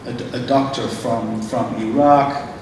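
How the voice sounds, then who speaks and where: Halting man in an echoey hall. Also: mid-range voice, fairly even intonation. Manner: halting, many restarts and fillers. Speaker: panel speaker from a refugee agency. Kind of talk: conference panel remarks. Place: large conference hall. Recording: echoey hall, distant mic, noisy.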